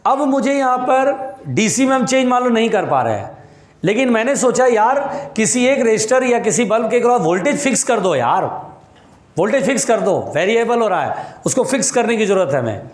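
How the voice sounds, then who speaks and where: Indian guy teaching physics, high voice all over the place, calls kids beta. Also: sing-song, normal speed, reverberant. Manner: addresses students as beta, repeats points, scolds chatterers. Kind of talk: classroom lecture. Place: classroom.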